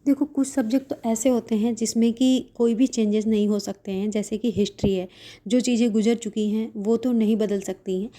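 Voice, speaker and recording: A woman vlogging about exam preparation, giving motivational study advice in a casual way, speaking quietly on a home veranda at night so as not to wake her family. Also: fairly high pitch, fairly even intonation, brisk. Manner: speaks softly at night to avoid waking family. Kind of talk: casual study vlog narration. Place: open veranda at home at night, fan running.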